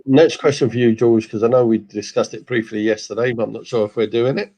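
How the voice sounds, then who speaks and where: A man's voice: medium pitch, steady tone, brisk, mellow, rough recording. A man from England co-hosting a casual football watchalong, joking and calling the play. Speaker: co-host.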